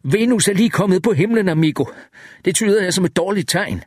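A man's voice: sits high, expressive, dry recording, clean studio sound, pitched above the performer's own voice. A man voicing an anxious older man in an audiobook, calling down with urgent desperation. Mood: desperate.

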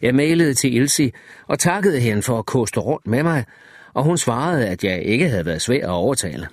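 A man narrating an audiobook story in the first person, with an expressive storytelling delivery. His pitch moves in a lively way across phrases. The reading is recorded dry and close, with no room sound. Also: slightly rough, dry recording.

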